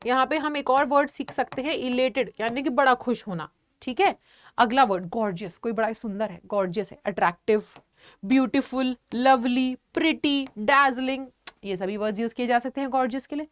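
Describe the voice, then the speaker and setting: A young woman teaches a vocabulary class in a patient, encouraging tone, often checking that her students follow. Her voice sits fairly high. The recording is dry and close, with no room sound. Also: moderate pace, dry recording. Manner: explains patiently, addresses students as "beta", frequent "theek hai" check-ins. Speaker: online teacher.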